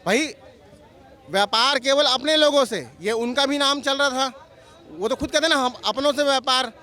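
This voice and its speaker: High-voiced man arguing on a busy street. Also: normal speed, sharp tone, a faint crowd. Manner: argumentative, appealing to listeners. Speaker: interviewee on the street. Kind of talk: heated street vox pop.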